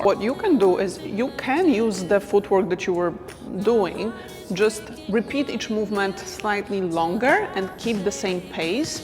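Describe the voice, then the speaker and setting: A woman teaching dance moves in a casual instructional talk, counting beats softly as she demonstrates. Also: mid-range voice, big-room sound.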